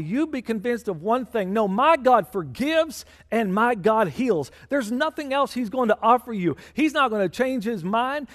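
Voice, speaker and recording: A man preaching a sermon as pastor, fervent and emphatic, his intensity building as he drives each point home. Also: high-pitched. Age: adult with a child. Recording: long reverb of a large hall.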